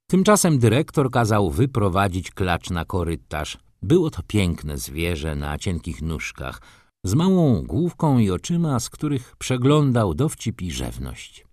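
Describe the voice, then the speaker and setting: Reading a classic novel aloud as an audiobook narrator, a man delivers scripted narration expressively in a lowish voice. The sound is clean, dry and studio-quality.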